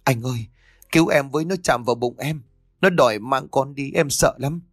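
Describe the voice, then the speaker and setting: A man's voice: normal speed, a bit bright, no room sound, studio quality. A man voicing a terrified young pregnant wife who pleads in a frantic, raised voice. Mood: frightened. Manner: frantic, high-pitched pleading.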